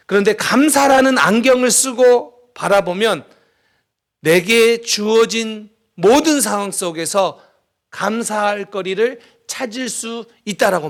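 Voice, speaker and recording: A middle-aged man preaching a sermon as pastor, telling stories with dramatic pauses and emphasis. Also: high-pitched, vocal fry, fairly bright tone.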